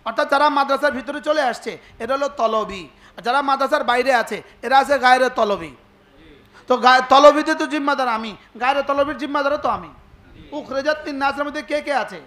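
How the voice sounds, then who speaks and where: A man's voice: very high-pitched, fairly quick, sharp tone. A man preaching a sermon, asking the crowd rhetorical questions and acting out dialogues. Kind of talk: Islamic sermon (waz).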